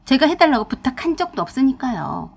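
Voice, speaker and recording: A young wife, played by a woman narrator with a sharp, blunt tongue, firing back at her in-laws. Her voice sits a little high and stays close to the reader's own. The tone is that of a storybook radio drama. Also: big pitch swings, a little fast, gravelly, husky, exaggerated voice. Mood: defiant.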